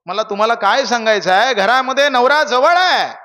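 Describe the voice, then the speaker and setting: A man's voice: extremely high pitch, lively intonation, moderate pace, bright, forceful tone, in a large hall. A young man preaching a kirtan sermon, telling stories and asking the audience questions. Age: young adult.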